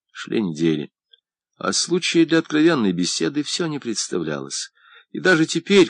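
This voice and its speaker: A man narrating a literary novel in an expressive, dramatic reading style. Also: mid-range voice, no room sound, clean studio sound. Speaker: audiobook narrator.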